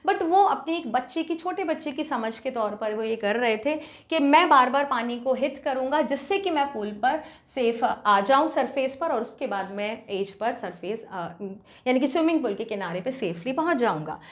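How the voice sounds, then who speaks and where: A woman teacher with an Indian accent, explaining an English story in Hindi and reading the English passages slowly and carefully. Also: high voice, lively intonation. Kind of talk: bilingual literature lesson.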